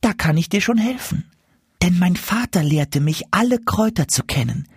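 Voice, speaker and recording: A man voicing a wise, helpful female goose in a fairy-tale reading, speaking gently and sometimes in a whisper. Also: high-pitched, lively intonation, normal speed, breathy edge, no echo, clean studio sound, voice pushed up, exaggerated voice. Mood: confiding. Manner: gentle, confiding, partly whispered.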